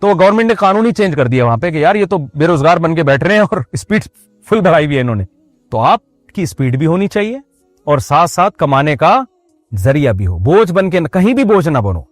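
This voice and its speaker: A man preaches a religious sermon, keeping it conversational with joking asides to his listeners. His voice sits fairly high. The sound is dry, with faint music underneath. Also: big pitch swings, brisk, no echo. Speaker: Islamic preacher.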